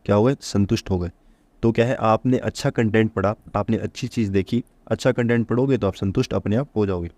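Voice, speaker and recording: Low-voiced man drilling vocabulary. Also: fairly quick, a little mellow, no room sound. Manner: asks the listener rhetorical questions and answers them himself; repeats key points to drill memory tricks. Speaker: vocabulary teacher. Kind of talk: exam-prep vocabulary lesson.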